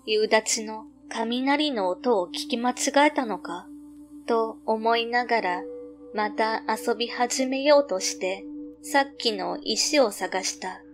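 A woman reading a scripted ghost story as narrator, measured and suspenseful, pausing between short phrases. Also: a little high.

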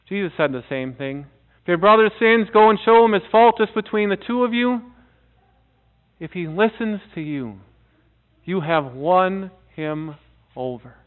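Middle-aged pastor guy preaching in church, high clear voice, earnest, big pauses, sounds thin like a phone. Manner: earnest preaching with dramatic pauses and soft drops. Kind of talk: sermon. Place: church sanctuary before a seated congregation. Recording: tinny phone-like audio.

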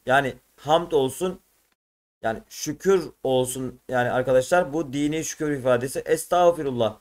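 A man's voice: medium pitch, a little mellow. A man as religion teacher, going through exam questions for schoolchildren, explaining each answer and reciting verses. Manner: addresses pupils as friends, explains and recites verses. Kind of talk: exam prep lesson for schoolchildren.

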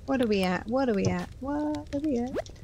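With a high, warm, animated voice and a fairly quick pace, a Herefordshire woman in her thirties chats on a live stream while playing a game and reading viewers' messages aloud. She has a Welsh-border English accent and uses a headset in a small indoor room, where slight background noise can be heard.

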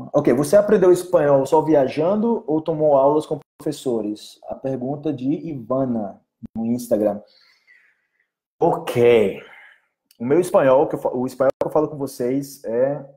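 A man's voice: medium pitch, warm tone. A young Brazilian man teaching Portuguese in a casual live Q&A, rambling and often checking in with "entendeu?". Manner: chatty, rambling, keeps asking "entendeu?". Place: in Colombia.

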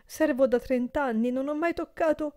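A woman's voice: on the high side, moderate pace, mellow, voice pushed up, close to an everyday voice. A woman voicing a terrified old porter begging. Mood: pleading. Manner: pleading, sobbing, breathless entreaties. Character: old male porter, frightened and pleading.

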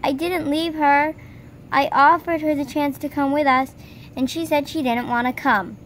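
A woman's voice: sits high, fairly even intonation, normal speed, natural voice. A woman voicing a patient but firm male horse in amateur toy role-play, reasoning and placating. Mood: exasperated. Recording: noisy handheld outdoor recording.

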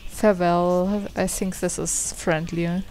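A woman's voice: fairly low pitch, slow, darkish tone, a little hiss or hum. A woman hosting a let's play, musing aloud and stumbling as she reads dialogue options. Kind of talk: casual gameplay commentary. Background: faint game music.

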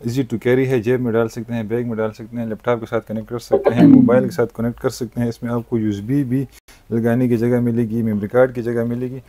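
A man, a shopkeeper demonstrating gadgets in a market shop. He talks in a brisk salesman's patter and keeps using polite forms of address. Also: mid-range voice, flat delivery, mellow. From Pakistan. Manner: brisk salesman patter, frequent "thik hai" and "janab-e-wala". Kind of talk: product demonstration sales pitch.

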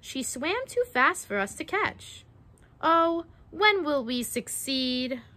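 Out on a wooden backyard deck, a young woman reads a children's picture book aloud, dramatizing the verses and asking her young listeners questions. Her high voice is sing-song, slow, bright and forceful.

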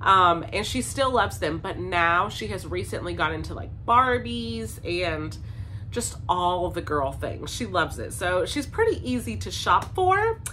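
A stay-at-home mom in her thirties vlogs from her home basement, seated in front of the camera and chatting casually. She sounds congested from a cold but stays upbeat, dropping plenty of ums and likes. Her mid-range voice has a sharp tone, and the rough recording carries slight background noise.

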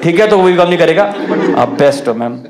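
A man's voice: on the high side, animated, quick pace. Teasing stand-up comic man. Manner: teasing, banters with the audience. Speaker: stand-up comedian. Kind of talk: crowd work stand-up. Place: comedy club, live show. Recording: live club with loud crowd noise.

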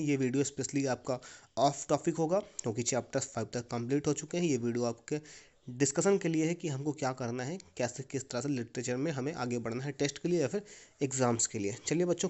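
Indian man, english teacher, patient lesson delivery, fairly high voice. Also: darkish tone. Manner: explains patiently, repeats points with "ठीक है". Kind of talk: classroom lesson video.

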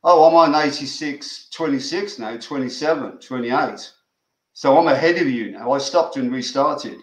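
A man's voice: mid-range voice, normal speed. Older man, echoey call audio. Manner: chatty, restarts sentences, urges the players on. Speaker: grandfather co-watching the match. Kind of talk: casual live football reaction chat.

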